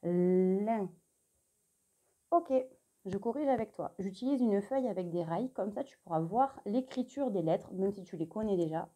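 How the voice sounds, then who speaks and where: This young adult woman is a primary school teacher giving young children a spelling lesson from a distance. She dictates clearly, goes letter by letter, and encourages the child directly, sounding animated and mellow at a medium pitch and moderate pace.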